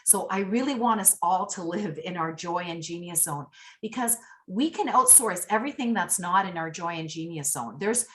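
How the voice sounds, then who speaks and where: Born in Italy with Italian as her first language, this woman was raised in Canada from early childhood and appears as a podcast guest over a remote call. Her fairly low, expressive voice moves at a normal speed as she gives effusive, upbeat motivational talk in casual interview chat.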